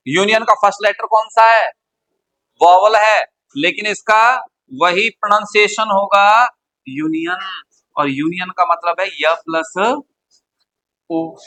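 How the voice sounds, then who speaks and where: Male grammar teacher from India, high bright voice, keeps quizzing the class. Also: rough recording. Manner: quizzing students with repeated questions. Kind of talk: classroom lecture.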